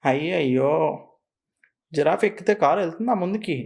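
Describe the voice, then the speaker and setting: A man's voice: a little high, lively intonation, fairly quick, vocal fry. A man voicing a kindly adult jeep driver who patiently gives in to a squirrel's requests in a cartoon. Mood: calm. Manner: patient, reassuring. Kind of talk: cartoon voice acting.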